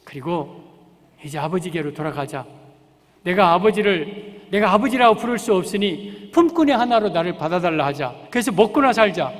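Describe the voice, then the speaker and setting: A man's voice: animated, normal speed. A man voicing a desperate, starving younger son who speaks mournfully to himself. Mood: despairing. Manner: mournful, low and sighing. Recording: long reverb of a church hall.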